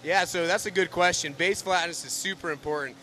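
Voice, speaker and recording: A man who manages a factory, explaining the production steps in a steady, knowledgeable way. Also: high voice, fairly quick, a little hiss or hum. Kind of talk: technical explanation.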